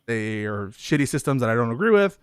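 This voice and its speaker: Presiding over a heated debate, the man argues and repeatedly breaks in asking others to wait. His medium pitch swings widely, he talks a little fast, and his smooth voice is captured cleanly in the studio without echo.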